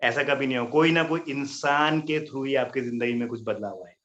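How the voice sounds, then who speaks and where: A man giving a business presentation, telling an animated story and often asking "right?". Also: medium pitch, fairly quick, lo-fi sound. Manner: animated, chatty, tags lines with "right?" and "isn't it?"; laughs at his own story.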